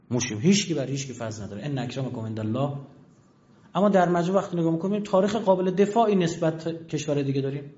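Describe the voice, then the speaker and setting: A man giving an argumentative lecture, firing rhetorical questions at his listeners and slowly reading out dictionary entries and verses. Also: medium pitch, mellow. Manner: emphatic, rhetorical questions to the audience. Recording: dull lo-fi recording.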